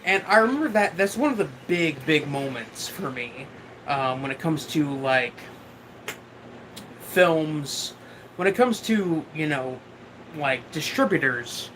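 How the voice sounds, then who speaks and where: Bright-voiced man rambling on a drunk livestream. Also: a little high, expressive, slight background noise, rough recording. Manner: hesitant, halting, losing his thread; casual swearing. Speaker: livestream host. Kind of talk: casual rambling livestream chat answering viewers.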